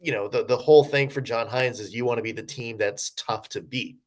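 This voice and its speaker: A sports podcast co-host with a medium-pitched voice talks briskly through casual game analysis. He rambles, leaning on lots of fillers and frequently starting his sentences over.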